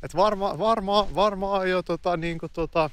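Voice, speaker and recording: A man's voice: high voice, smooth, pitched above the performer's own voice, close to an everyday voice. A man voicing an impressed young man who rambles on in admiration of his friend. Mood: admiring.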